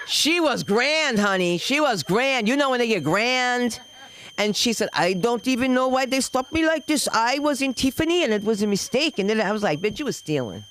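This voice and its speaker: An older woman of Dominican heritage doing stand-up, telling a story with lots of exclamations and quick switches into other people's voices. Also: on the high side, slight background noise, low-quality recording. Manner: animated, shifts voices for characters, exclamatory. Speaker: stand-up comic. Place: comedy club open mic.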